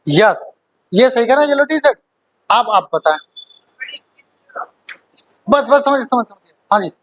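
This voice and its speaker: A man's voice: very high-pitched, expressive, unhurried, fairly bright tone, low-quality recording. A man teaching a grammar class who quizzes his students, repeats key points, and mixes English terms into his explanations. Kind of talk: classroom lecture.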